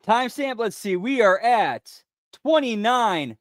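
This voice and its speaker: High-voiced man giving casual movie commentary. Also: lively intonation, a little slow, no echo, clean studio sound. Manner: informal, slangy, often says dude and pal. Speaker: film reaction host.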